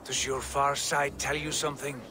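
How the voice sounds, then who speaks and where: An actor playing a stern, vigilant Norse god in a video game, speaking in a forceful, formal manner. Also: male voice, medium pitch, little pitch movement, moderate pace, background noise, lightly acted. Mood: approving, probing. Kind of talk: video game dramatic acting.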